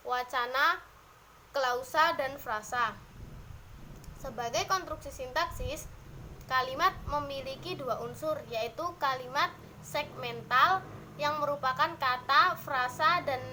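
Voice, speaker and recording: A young woman, a student, presenting a lesson on grammar in a measured, list-like way with a few hesitations. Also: high voice, bright, forceful tone, a little hiss or hum, rough recording. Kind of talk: class presentation on syntax.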